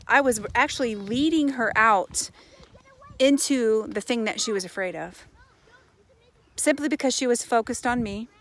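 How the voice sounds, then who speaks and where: A middle-aged American woman with a fairly high voice gives a casual motivational talk. She is earnest and conversational, leaving pauses for emphasis. It is a phone recording made outdoors, with faint background noise. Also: a bit bright. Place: outdoors on a residential path by a pond. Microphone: phone at arm's length.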